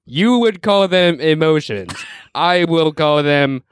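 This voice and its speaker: A smug robot maid who means to rule the world drones along in a slow, halting cadence, as a man puts her on. The voice stays smooth and clear while the pitch jumps around, and the recording is dry and close. The words come out muffled, as if from underwater. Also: expressive, dry recording. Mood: deadpan robotic. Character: stiff female robot maid, boastful. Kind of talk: improvised comedy bit.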